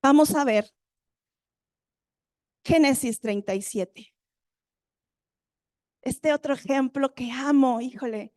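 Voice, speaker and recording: A woman delivers a sermon in a high voice. She reads scripture and puts questions to her listeners. The sound is close and dry. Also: slow pace, pauses often, no echo. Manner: animated preaching with Bible readings and questions to the audience. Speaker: preacher.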